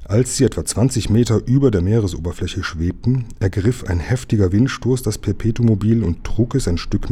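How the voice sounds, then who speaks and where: A man calmly reading a children's book aloud in an even storytelling voice. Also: lowish voice, husky.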